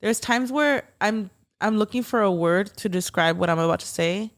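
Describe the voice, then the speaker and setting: A young woman co-hosts a casual podcast, chatting freely, swearing, and using lots of fillers. She was raised in the United States by Mexican parents and Spanish is her first language. Her voice is medium in pitch and her pace moderate.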